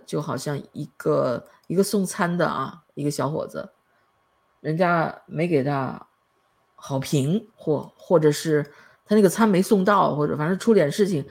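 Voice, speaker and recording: A woman's voice: sits low, creaky, darkish tone, breathy edge. A woman hosting a podcast in casual chat, chatty and laughing often. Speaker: podcast host.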